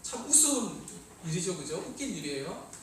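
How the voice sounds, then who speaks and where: A man preaching a sermon to youth as pastor, lively and calling on listeners to read along, in a church hall. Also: high voice, moderate pace. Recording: very echoey hall, distant mic, faint hiss.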